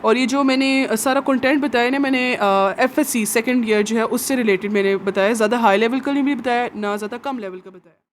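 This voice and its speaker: A woman's voice: on the high side, fairly even intonation, a little fast, slight background noise. A woman teaching biology from labelled diagrams, patiently asking questions and answering them herself. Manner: patient and repetitive, asks a question then answers it, often adds "theek hai". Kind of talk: explaining labelled diagrams in a lesson.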